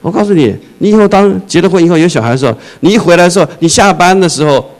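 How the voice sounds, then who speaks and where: A male pastor preaching a sermon, reading scripture slowly, then joking and acting out scenes, with English words mixed into his speech. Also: sits high, low-quality recording. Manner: animated, shifts from slow scripture reading to lively jokes and shouting.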